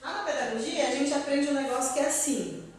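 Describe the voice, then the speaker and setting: A woman university professor lectures in a hall, her voice sitting high and moving a little fast. She's lively, quizzing the audience and laughing often as she explains. The recording is loud and echoey, taken far from the mic.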